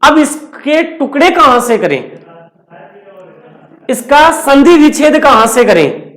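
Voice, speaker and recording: A man gives a grammar lesson at an unhurried, deliberate pace. He works through each step, repeats himself and asks the class questions before he answers them. His voice rings in an echoey room. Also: extremely high pitch, very animated, fairly bright tone. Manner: slow, step-by-step, repetitive explaining with questions to the class. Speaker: Hindi grammar teacher. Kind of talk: classroom lecture at a board.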